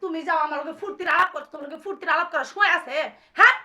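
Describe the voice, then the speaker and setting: A woman playing a shrill, furious wife. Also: very fast, bright, forceful tone, full character voice. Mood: indignant. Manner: shrill scolding, taunting repeated questions. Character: furious first wife confronting her cheating husband. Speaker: actor in a comedy skit. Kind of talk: amateur comic drama acting.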